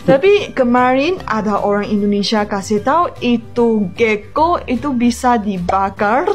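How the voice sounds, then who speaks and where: Slightly high-voiced young woman storyteller. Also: lively intonation, measured pace, soft background music. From Malaysia. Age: young adult. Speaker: university student abroad. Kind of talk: casual storytelling.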